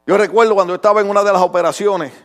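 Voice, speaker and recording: A man preaching a fervent sermon as pastor, going from quiet talk to shouting and calling his listeners brother. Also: high voice.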